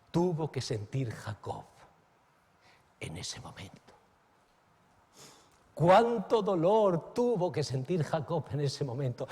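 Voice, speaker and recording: A man preaching a sermon as pastor. He is dramatic, swings between exclamations and hushed asides, and keeps asking the listeners questions. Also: a little high, husky, big-room sound. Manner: asks the listeners direct questions.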